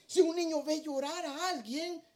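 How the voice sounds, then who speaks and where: A man's voice: very high voice, fairly even intonation, normal speed. A middle-aged male pastor preaching a sermon, earnest and storytelling as he addresses his congregation.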